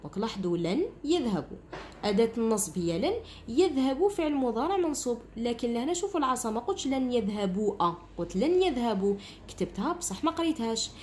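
A woman teacher with an Algerian accent takes primary pupils through a grammar lesson step by step. She talks fast in a fairly high, animated voice with a warm, soft tone, and she keeps checking that the children understand. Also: slight background noise. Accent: Algerian Arabic. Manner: explains step by step, often asks "understood?".

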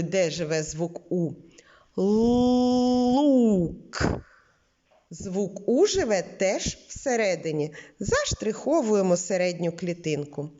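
Slow, patient woman teaching preschoolers. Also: fairly low pitch, darkish tone, highs cut off. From Ukraine. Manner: slow, patient, drawing out sounds and words. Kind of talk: literacy lesson for preschoolers.

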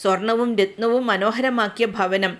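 A woman storyteller narrating old myths in a measured, literary way. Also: medium pitch, fairly even intonation, a bit bright. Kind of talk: scripted narration of mythic tales.

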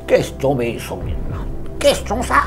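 A man's voice: mid-range voice, wildly swooping pitch, moderate pace, over music. An actor playing a bumbling, grumbling old man with a Mauritian accent as a quiz contestant in a comedy sketch. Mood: confused, grumbling. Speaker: game show contestant. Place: TV studio set.

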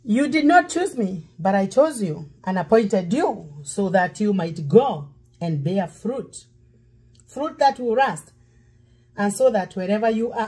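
Cooking in her own kitchen, a middle-aged woman pastor delivers a sermon as a cooking demo and now and then starts singing. Her medium-pitched voice is mellow and husky, and a fixed camera across the counter captures it in low quality.

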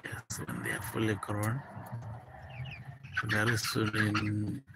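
Man, low gravelly flat voice; soft, hesitant farm walkthrough; noisy phone recording in a chicken house. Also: slow pace. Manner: soft, hesitant, many fillers and repeated words. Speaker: poultry farmer showing his broiler chickens. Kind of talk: informal farm walkthrough vlog. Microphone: handheld phone, speaker off camera. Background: chickens chirping.

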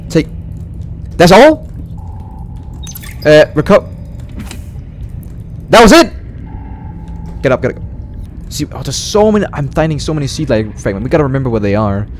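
A man doing casual gameplay commentary, thinking out loud in an excitable, repetitive way. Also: medium pitch, fast talker, slight background noise. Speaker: gamer, let's player.

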